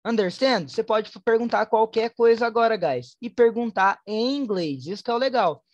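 A woman with a Brazilian Portuguese accent, teaching an online English class, switching between Portuguese and slowly spoken English examples. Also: on the high side, lively intonation, dry recording, highs cut off. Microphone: online class headset or computer mic.

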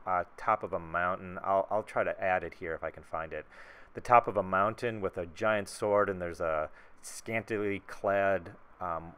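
A man's voice: sits low, a bit bright, slight background noise. A man with a Midwestern American accent talks casually while painting, rambling and self-deprecating with many ums and uhs. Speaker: artist. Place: home studio.

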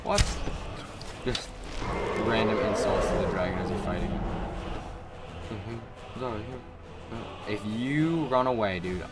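Excitable young man narrating gameplay. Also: fairly low pitch, unhurried, pauses often, loud music behind the voice. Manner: excitable, yells and taunts enemies, swears often. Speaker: gamer playing through an open-world game. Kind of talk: let's play commentary.

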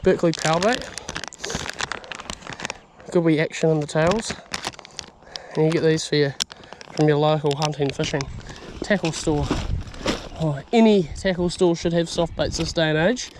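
A man's voice: a little high, normal speed, long pauses. A young man, chatting casually and explaining his fishing on a riverbank, recorded on a body-worn action camera. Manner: excitable, slangy, explains as he goes. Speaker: fishing vlogger. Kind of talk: casual outdoor fishing chat. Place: riverbank outdoors. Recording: faint outdoor noise.

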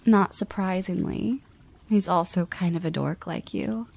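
A voice actress in a scripted audio roleplay portrays a confident young woman who playfully teases a friend, tossing in asides in a half-whisper. Her fairly low voice carries vocal fry and a slightly mellow quality, moving at a measured pace.

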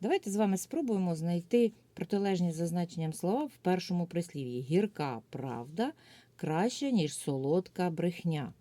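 A woman teacher with a Ukrainian accent giving a video lesson to young pupils, dictating slowly and clearly. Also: fairly low pitch, animated, dark tone, no room sound. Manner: slow, clear dictation with drawn-out words. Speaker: primary school teacher.

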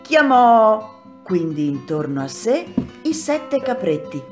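A woman actress narrating a fairy tale for children, expressive and playful. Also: medium pitch, soft background music. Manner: slow, expressive, playful repetitions.

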